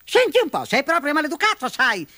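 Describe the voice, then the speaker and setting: Brief: a woman doing a crafty little rabbit for a storybook, high and squeaky, slow, drawn-out lines. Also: sing-song, no room sound. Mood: angry. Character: cheeky boastful male rabbit, small and crafty. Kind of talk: storybook reading.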